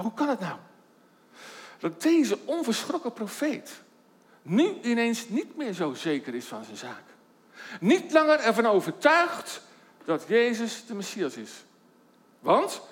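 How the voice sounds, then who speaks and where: A man with a high-pitched voice delivers a sermon, working through scripture in a measured, deliberate way and posing question after question. His voice carries a long reverb, as in a church hall. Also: fairly bright tone. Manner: measured Bible exposition with rhetorical questions. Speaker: preacher.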